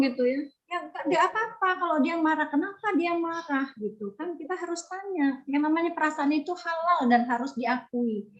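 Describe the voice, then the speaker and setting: A woman giving a webinar talk to mothers, speaking in a warm, repetitive way full of "ya". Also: high-pitched. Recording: dull lo-fi video call audio.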